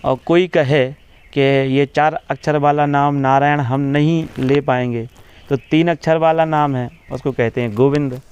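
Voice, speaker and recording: A man, a religious preacher, explaining devotion in an interview in a measured way, slowing down to recite verses and repeating key phrases. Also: on the high side, fairly even intonation, a little mellow, clear, resonant tone. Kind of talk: devotional explanation in a press talk.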